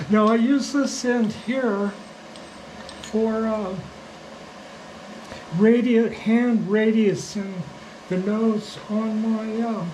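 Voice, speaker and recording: Thin, hoarse, high-voiced man, slow and halting. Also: a little mellow, slight background noise, low-quality recording. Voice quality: weak, thin, hoarse voice from surgical damage. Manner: halting, plain-spoken explaining. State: hoarse from smoke. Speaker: millwright demonstrating shop tools. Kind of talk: casual hands-on workshop demonstration.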